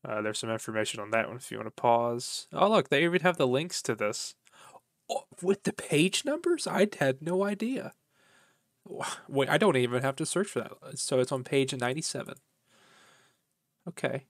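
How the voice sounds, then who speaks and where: A YouTube vlogger who collects vintage electronics rambles casually about his collection, using folksy, informal grammar. His medium-pitched voice is expressive and moves at a moderate pace, captured in clean studio sound with no echo.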